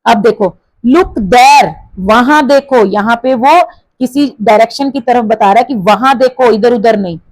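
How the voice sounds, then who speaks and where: A woman teacher with an Indian accent explaining a textbook exercise, mixing Hindi with English and reading example sentences slowly with stress. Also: on the high side, a little mellow, no room sound, rough recording.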